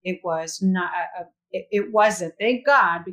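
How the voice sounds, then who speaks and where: A woman from the United States, a director and writer, speaking earnestly and thoughtfully as a podcast guest, with pauses and fillers. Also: lowish voice, a bit bright, rough recording. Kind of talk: casual interview chat.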